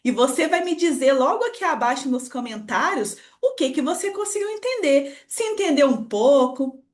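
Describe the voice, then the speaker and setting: A woman's voice: high-pitched, lively intonation, normal speed. A woman teaching a French lesson online, upbeat and encouraging, talking straight to the viewer. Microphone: computer screen recording voice-over.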